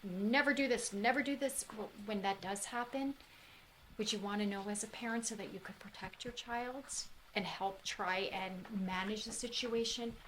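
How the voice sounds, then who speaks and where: This is a middle-aged woman from a school's wellness team, talking in a relaxed interview. Her voice sits at an ordinary middle pitch, and she presses her points by saying them twice. A faint noise floor hangs under the recording. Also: moderate pace, rough recording. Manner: earnest, emphatic, repeats phrases for stress. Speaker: school mental health staff member. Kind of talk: conversational interview.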